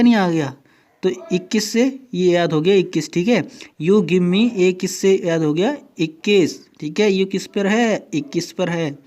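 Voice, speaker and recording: At a board in a coaching class, a man with a high, slightly mellow voice works through memory tricks step by step in a whiteboard tutorial. He keeps saying "dosto" and asking "theek hai" to check along, and he spells words out slowly.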